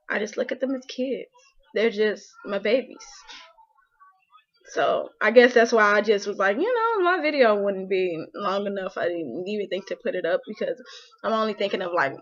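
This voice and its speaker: Emotional young mom vlogging, lo-fi sound. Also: female voice, medium pitch, fairly bright tone. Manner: emotional, heartfelt, frequent "like" fillers. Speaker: vlogger, mother. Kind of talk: casual personal talk to camera.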